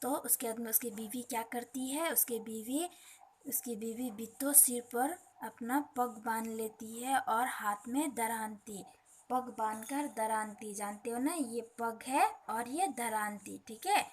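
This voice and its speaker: A woman's voice: a little high, measured pace. A woman teacher telling a story to children, often checking in with them as she explains. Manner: addresses children, checks in with "okay".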